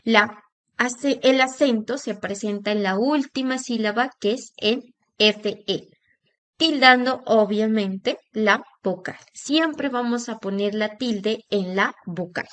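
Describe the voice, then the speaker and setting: A woman teacher giving a recorded lesson, drawing out example words slowly to show where the stress falls. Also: on the high side, a bit bright. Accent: Latin American Spanish.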